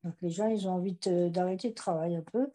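A woman's voice: fairly low pitch, fast talker, mellow. A woman joining a casual Bible study discussion over an online voice chat, hesitant, with many fillers and restarts. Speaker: study participant.

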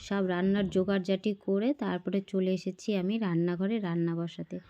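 A middle-aged woman with a hoarse voice from a cold, narrating a daily vlog as a chatty voice-over to her viewers. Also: fairly low pitch, little pitch movement, a little fast, mellow, highs cut off. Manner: chatty, addresses viewers as friends. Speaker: vlogger.

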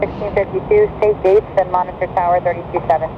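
Man on airband radio, quick clipped calls, thin phone-like sound, noisy. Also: high voice, little pitch movement. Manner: procedural, brisk. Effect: aviation radio transmission. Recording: tinny narrow radio with clear noise.

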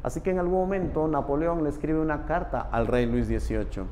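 A man teaching a history lesson, asking questions and answering them himself, often repeating a tag phrase, swinging from raised to low murmured pitch. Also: fairly quick, darkish tone, slight background noise. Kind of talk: classroom history lecture. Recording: long hall reverb.

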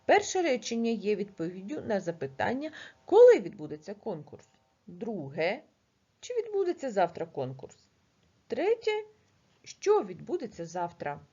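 A woman teacher reading a grammar lesson aloud, measured and slow over the example sentences. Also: medium pitch, wildly swooping pitch, mellow, breathy edge, muffled recording.

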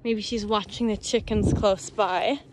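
Out in an open, dry pasture, a ranch owner gives a casual tour on a handheld phone, and the outdoor recording is noisy. Her mid-range voice holds a fairly even intonation at a measured pace, and she talks affectionately as though addressing animals.

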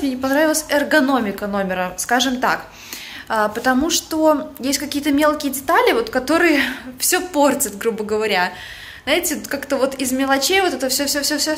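In this casual hotel tour, a young travel agency vlogger speaks in a high-pitched, fairly bright voice with lively intonation at a moderate pace. She films with a phone held at arm's length, chatting through a hotel room and the outdoor resort grounds with many fillers and self-corrections.

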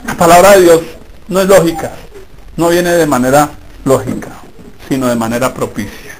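A male pastor preaching a sermon in church, emphatic and addressing the congregation directly, moving between loud and hushed. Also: a little high, expressive, normal speed, slight background noise, rough recording.

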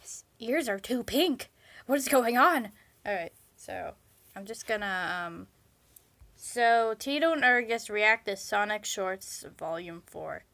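A young woman with a husky morning voice, chatting casually and laughing often as she reacts to her old videos. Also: mid-range voice, animated, takes it slowly, fairly bright tone. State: morning voice, deeper than usual.

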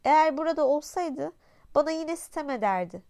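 Woman doing a small gentle boy prince, lonely and curious, lifted high voice, dry close sound, storybook reading. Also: animated, brisk, no room sound. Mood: wistful. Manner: polite, wondering, soft-spoken. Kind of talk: audiobook character voice.

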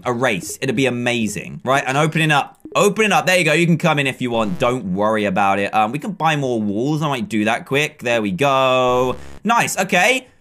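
A young man in his twenties with an English accent, giving excited, upbeat gameplay commentary and laughing often, recorded at a desk mic in a small room. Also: a little high. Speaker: gaming video host. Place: small room, webcam corner.

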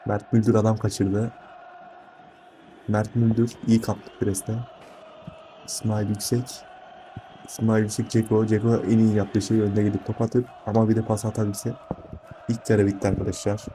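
A man's voice: lowish voice, mellow, a little hiss or hum. A man hosting live football commentary, often repeating players' names and short phrases. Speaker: football commentator and channel host. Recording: music and crowd behind the voice.

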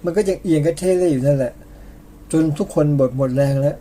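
A man's voice: a little high, fast, dark tone, slight background noise. A man from Thailand narrating an old epic in a chatty, casual way, tagging his sentences with polite particles and slipping in personal asides. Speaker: storyteller.

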